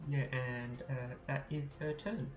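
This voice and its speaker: A man's voice: medium pitch, unhurried, reverberant, dull audio, faint music behind. A man playing a tabletop game, chatty and laughing, talking to stream viewers. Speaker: player. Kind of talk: casual tabletop play.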